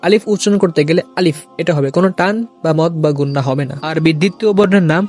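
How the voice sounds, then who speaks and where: A man teaching Arabic letter sounds in a video lesson, saying each letter slowly and then repeating it for learners to copy. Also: a little high, darkish tone, soft background music.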